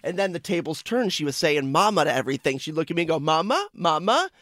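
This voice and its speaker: A man co-hosting a radio show, telling a family story in an animated, playful way. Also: fairly high pitch, rapid-fire, no echo. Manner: animated storytelling, mimics his toddler. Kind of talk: casual radio banter.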